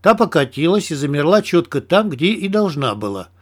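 A man reads a first-person audiobook in a steady, even storytelling manner. His voice sits fairly high for a man. This is scripted narration read at an unhurried pace.

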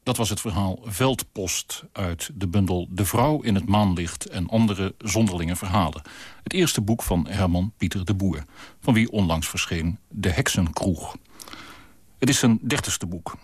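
A male radio announcer gives a scripted introduction. His voice is very low and husky, recorded dry with no room sound. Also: unhurried, no room sound.

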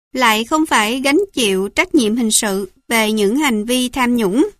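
A woman's voice: fairly high pitch, dry recording. Woman reading a legal audiobook, dry sound. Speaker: audiobook reader. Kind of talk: scripted narration of a legal text.

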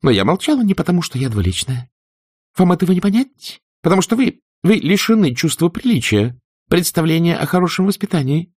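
Spinster woman full of cold hatred, read by a man, pitched up, lively. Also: fairly quick, slightly rough, no room sound, clean studio sound. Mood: trembling rage. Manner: icy, trembling with anger.

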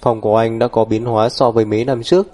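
A man narrating a novel in an even, unhurried storytelling voice. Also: medium pitch, faint music behind. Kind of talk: audiobook novel reading.

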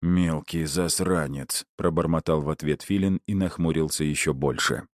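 Male audiobook narrator, deep voice, dry close recording, wry storytelling. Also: fairly quick, no echo. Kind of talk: first-person audiobook narration.

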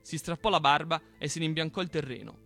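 A man hosting a radio show, reading a folk tale aloud in an expressive storytelling manner. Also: on the high side, fast talker, creaky, faint music behind. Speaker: radio host. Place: radio studio.

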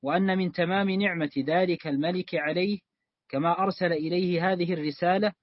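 High-voiced man reciting a text. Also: fairly even intonation, no room sound. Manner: measured, formal recitation. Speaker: student reading the text aloud. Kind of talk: formal reading aloud of a classical text. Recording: dry, dull lo-fi recording.

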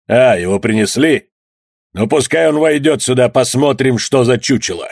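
A man's voice: mid-range voice, moderate pace, gravelly, darkish tone, no room sound, studio quality. A man playing a roaring brutal pirate captain.

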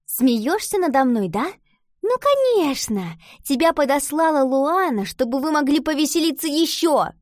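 A woman voicing a defensive young schoolgirl witch who talks mockingly in a loud, high voice. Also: lively intonation, normal speed, no room sound, studio quality.

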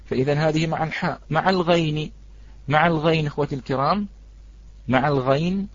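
A man teaching a Quran recitation lesson, patiently repeating his points and slowly reciting examples. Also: fairly high pitch. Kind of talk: online tajweed lesson. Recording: dry, slightly dull.

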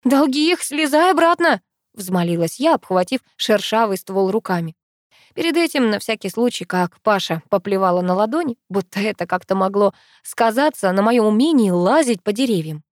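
A young woman narrating a first-person audiobook in a lively, expressive storytelling manner. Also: medium pitch, moderate pace, dry recording, studio quality.

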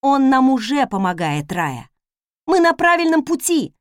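A woman's voice: high voice, very animated, slow, no echo, clean studio sound, voice pushed up, exaggerated voice. A woman voicing a bold young wizard's wife who speaks in a commanding, playful way.

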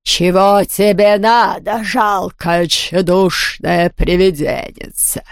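A woman voicing a huge, haughty ghost baroness who growls in a hoarse, slow, loud voice. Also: mid-range voice, steady tone, dry recording, clean studio sound. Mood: scornful, furious.

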